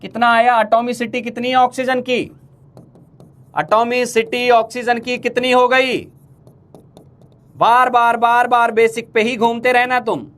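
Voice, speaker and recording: A high-voiced man teaches chemistry to exam students in a live online exam-prep lecture. He talks quickly and chattily like a coaching teacher, fires each question twice, and fondly teases the class with playful names.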